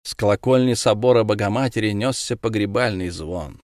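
A man narrating a storybook in an expressive reading. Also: lowish voice, a little fast, dry recording, clean studio sound. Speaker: audiobook narrator. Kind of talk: scripted narration.

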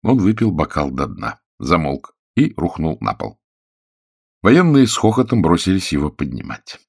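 Low-voiced male audiobook narrator, dry close recording. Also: very animated, gravelly, slightly rough, no room sound. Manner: measured storytelling. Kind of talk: scripted narration.

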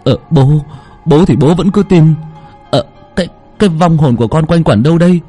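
A man's voice: fairly high pitch, moderate pace, warm tone, breathy edge, soft background music, pitched above the performer's own voice. A man voicing a middle-aged father who sobs and stammers as he cries out to his dead son. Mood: tearful.

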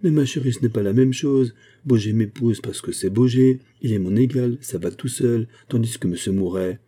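A man's voice: mid-range voice, moderate pace, dark tone, pitched above the performer's own voice, close to an everyday voice. A man voicing a cheerful, motherly young seamstress who coaxes her friend in a chatty way. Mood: coaxing. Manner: coaxing, chatty.

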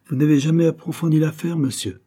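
A man reads an earnest young clerk in a storybook, his voice lifted high and pressing forward. The tone stays dark and a bit husky. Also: fairly even intonation, brisk. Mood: agitated. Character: earnest young male clerk, proud and sensitive.

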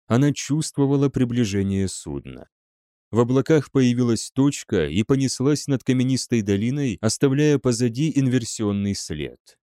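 A man reading an audiobook aloud, his pitch rising and falling with lively expression. His voice is mellow and dark, recorded close in a dry, dead space. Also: normal speed, no room sound. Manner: lively, acting out dialogue. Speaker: audiobook narrator.

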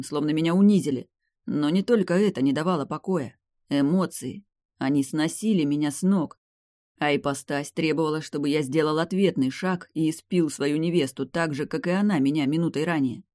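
A man reading a dramatic novel aloud in first person, in a measured audiobook style. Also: a little high, a little mellow, dry recording, clean studio sound. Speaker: audiobook narrator. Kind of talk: scripted first-person narration.

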